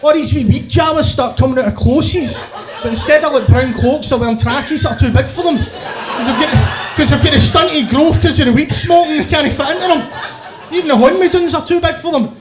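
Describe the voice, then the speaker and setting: A middle-aged Glaswegian comedian with a notably high voice for a man, telling a story on stage. He is rowdy and sweary, laughing through his own telling. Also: brisk, crowd noise. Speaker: stand-up comedian. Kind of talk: stand-up storytelling.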